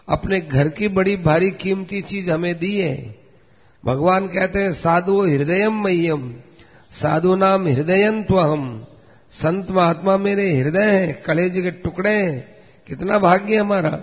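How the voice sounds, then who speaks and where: A man giving an earnest devotional sermon, telling a story in a steady way. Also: high voice. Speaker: religious preacher. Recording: dull lo-fi recording in a long-reverb hall.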